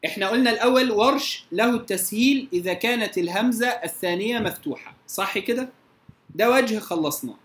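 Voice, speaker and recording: Egyptian woman teaching recitation in a roomy space. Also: on the high side. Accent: Egyptian Arabic. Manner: recites examples slowly and drawn out, often checks if students follow. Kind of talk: tajweed lesson. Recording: roomy echo.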